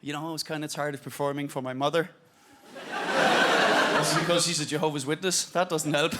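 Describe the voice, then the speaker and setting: A man in his thirties from Denmark doing a stand-up set, speaking English with an Irish-sounding accent, animated and quick to break into silly voices. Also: on the high side, very noisy. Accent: Danish speaker with an Irish-sounding English accent. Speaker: stand-up comedian. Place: TV studio stage with live audience. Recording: loud audience laughter behind.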